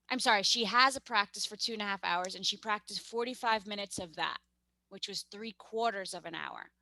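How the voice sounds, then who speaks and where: A woman's voice: on the high side, bright, forceful tone, no echo. A young woman with a New York accent teaching a math lesson over a video call, chatty and upbeat, often correcting herself.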